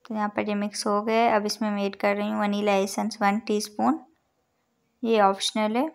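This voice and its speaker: Hosting a cooking channel, a woman with an Urdu-influenced Hindustani accent guides viewers through a recipe in voice-over above overhead cooking shots. Her gravelly voice holds a very even pitch at normal speed. Calm and instructive, she patiently counts out each measure.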